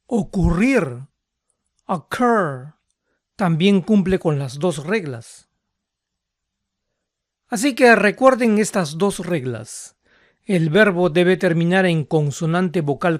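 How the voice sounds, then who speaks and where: Brief: unhurried language teacher, mid-range voice, dry close sound, methodical delivery. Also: mid-range voice, dry recording. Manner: slow, deliberate, spells out rules step by step. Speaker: English teacher. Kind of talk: instructional lesson.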